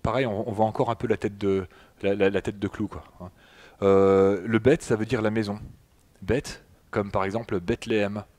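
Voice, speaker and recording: A man's voice: fairly low pitch, fairly even intonation, normal speed, darkish tone. A man with a French accent giving a public lecture with slides, talking to the audience with many fillers and restarts. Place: public hall in front of an audience.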